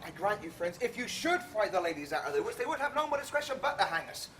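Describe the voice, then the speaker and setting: A boastful, theatrical show-off who grabs for every role, read by an amateur player, with a mid-pitched voice that swoops widely and goes grand. Faint noise sits under the recording. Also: big pitch swings, fast, fairly bright tone. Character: boastful male weaver hungry for every part. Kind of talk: amateur comic play reading.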